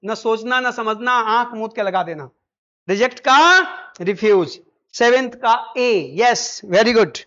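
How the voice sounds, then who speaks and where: A male teacher explaining vocabulary for an exam, mixing Hindi with slow English phrases and firing quick questions at his students. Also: extremely high pitch, fairly bright tone, lo-fi sound. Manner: quizzes listeners with quick rhetorical questions.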